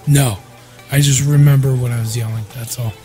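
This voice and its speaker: A man's voice: mid-range voice, fairly even intonation, normal speed, warm tone, faint music behind. Sick man rambling through casual chat. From Iowa. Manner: profane, rambling storytelling. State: sick, strained voice. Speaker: podcast co-host.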